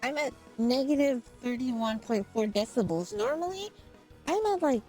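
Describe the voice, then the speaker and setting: A woman's voice: high voice, lively intonation, normal speed, soft background music. A woman streamer in casual chat, rambling and tripping over her words, her mic clipping and distorted. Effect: clipping, distorted loud mic. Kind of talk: casual chat while gaming.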